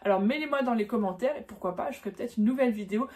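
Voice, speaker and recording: Woman, fairly high voice, casual teacher, slow repeated demonstrations, fillers. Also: a little mellow. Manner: demonstrates sounds slowly, repeating words, frequent fillers. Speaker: German teacher. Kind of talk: casual pronunciation lesson.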